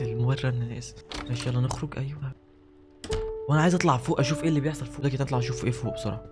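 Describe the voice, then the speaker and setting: Rapid-fire Egyptian man playing a game. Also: medium pitch. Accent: Egyptian Arabic. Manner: excitable, jokey, talks to the game characters. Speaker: gaming video host. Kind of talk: let's play commentary.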